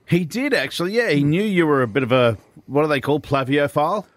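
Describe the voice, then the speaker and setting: A man's voice: on the high side, a little fast, dry recording. A man with an Australian accent co-hosting breakfast radio in a studio, easygoing and a little tired, with hesitant fillers. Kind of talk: casual radio banter.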